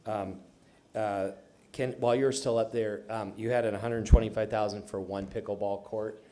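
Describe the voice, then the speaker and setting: Low-voiced councilman, halting questions. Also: level tone, mellow, slight background noise. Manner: halting, many restarts and fillers, questioning. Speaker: city council member. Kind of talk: public budget hearing discussion. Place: council chamber.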